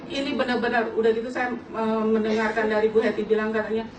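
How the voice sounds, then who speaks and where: A woman in her late forties giving an animated personal testimony to an audience, laughing often and turning to address the listeners directly. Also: fairly high pitch, fast, background noise. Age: late 40s. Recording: echoey hall, distant mic, audience around.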